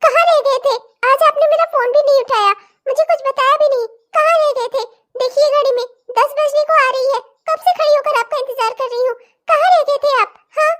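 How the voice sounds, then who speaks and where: A woman voicing a patient, devoted young wife in a cartoon drama, pleading and gently insistent. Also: extremely high pitch, a little fast. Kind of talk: cartoon voice acting.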